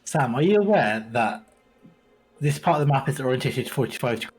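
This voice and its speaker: A man's voice: mid-range voice, expressive, brisk, a little mellow, slightly rough, soft background music. Man on a call, mic dropping in and out. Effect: mic cutting out, uneven volume. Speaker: tabletop game player. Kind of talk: casual play over a video call.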